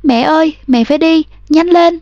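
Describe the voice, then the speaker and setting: A woman voicing a frightened young girl who pleads in a high, urgent, breathless way. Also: slow, a little mellow, dry recording, muffled recording. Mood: pleading.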